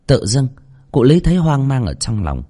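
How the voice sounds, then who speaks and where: A man narrating a horror story in an expressive, dramatic way. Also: mid-range voice, moderate pace.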